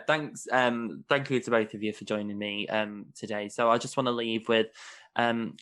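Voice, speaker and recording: Young male podcast host, dry teasing wit, medium-pitched voice. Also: fairly bright tone. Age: young adult. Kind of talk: casual podcast chat.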